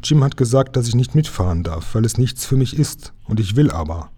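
A man reading a storybook aloud, voicing a small, stubborn and proud princess girl with a somewhat raised, soft voice. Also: mid-range voice, expressive, fairly quick, slightly rough, voice pushed up. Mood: defiant.

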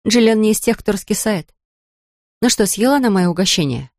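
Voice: medium pitch, lively intonation, fairly quick, no echo, pitched above the performer's own voice, natural voice. A reader voicing a wry, stubborn young woman who teases lightly, read close to a dry studio mic.

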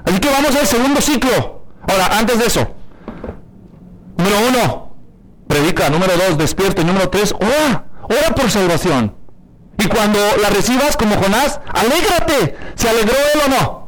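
Animated high-voiced preacher. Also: male voice, moderate pace, a little hiss or hum, poor audio. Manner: animated, direct, colloquial, shifts pace for emphasis. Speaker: pastor. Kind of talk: sermon.

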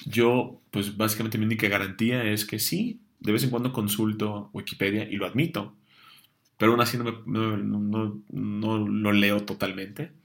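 A man's voice: lowish voice, little pitch movement, normal speed, vocal fry. A young man hosting a casual comics show, chatty with many fillers and restarts, answering viewer questions.

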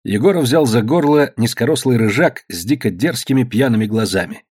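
Husky man reading a novel aloud. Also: medium pitch, lively intonation, fairly quick, darkish tone. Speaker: narrator. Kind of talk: audiobook reading.

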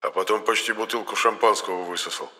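A man's voice: fairly low pitch, fast talker, pushed and bright, long reverb tail. A man voicing a snide, nagging male household spirit who tattles and lectures. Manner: snide, preachy.

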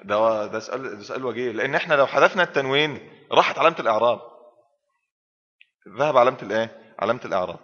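Egyptian sheikh quizzing his class quickly. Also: medium pitch, animated, a bit bright. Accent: Egyptian Arabic. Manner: prompts students with questions and fills in answers. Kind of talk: classroom lesson quizzing students. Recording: reverberant hall, dull lo-fi sound.

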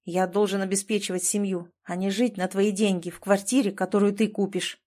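A woman reading an audiobook and voicing a stubborn, proud man who speaks in a low, hollow, guarded tone. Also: level tone, fairly quick, warm tone, natural voice. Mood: tense. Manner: clipped, tense and reluctant. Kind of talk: audiobook character voice.

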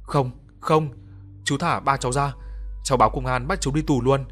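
A man voicing a small girl who cries and begs out loud for her father in an audio story. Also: mid-range voice, fairly even intonation, moderate pace, faint music behind, close to an everyday voice. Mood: tearful, pleading. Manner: crying, begging out loud.

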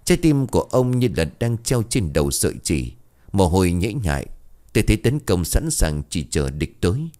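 A man narrating a ghost story in a lively, dramatic way. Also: deep voice, moderate pace.

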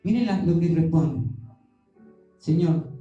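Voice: medium pitch, animated, normal speed, warm tone, dull audio. A preacher, telling a Bible story in a sermon and acting out the voices of its people. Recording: very echoey room with music behind.

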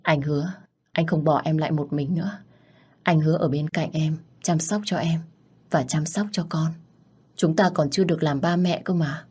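A woman's voice: deep voice, fairly even intonation, moderate pace, breathy edge. A woman voicing a tender, teasing young husband. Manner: soft, affectionate, playful.

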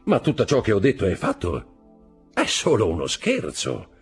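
A man's voice: on the low side, wildly swooping pitch, normal speed, husky, faint music behind, pitched above the performer's own voice, full character voice. A man reading aloud voices a sly, scheming male accountant who insinuates and plays innocent.

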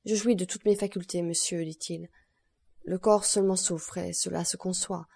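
Audiobook: a woman playing a shattered prosecutor, grave, strangled, mellow. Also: lowish voice, fairly even intonation, normal speed, gravelly, breathy edge. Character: broken male royal prosecutor confessing.

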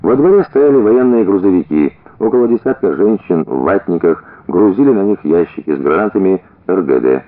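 A man reading a story aloud as narrator, changing his pitch for the different characters. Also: animated, fairly quick, few pauses. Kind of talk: audiobook reading with voiced dialogue. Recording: tinny narrow-band radio recording.

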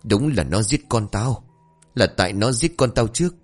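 A man's voice: fairly low pitch, animated, normal speed, soft background music. A man voicing an enraged, violent young husband with a raised, harsh delivery, in an audio story. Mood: bitter. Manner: shouting accusations, raised and harsh.

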